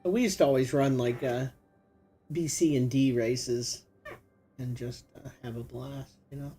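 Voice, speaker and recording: A man's voice: mid-range voice, steady tone, a little slow, mellow, faint music behind. A middle-aged man giving casual commentary while he plays, thinking aloud with lots of fillers. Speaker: gaming streamer.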